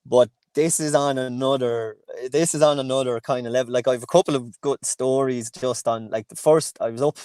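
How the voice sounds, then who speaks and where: A man's voice: mid-range voice, steady tone, a little fast, few pauses, a little mellow, clean tone, dry recording. A man from Kilkenny with an Irish accent, chatting casually as a podcast guest, rambling with many restarts and fillers. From Ireland, Kilkenny. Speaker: guest, hurling coach in Antrim.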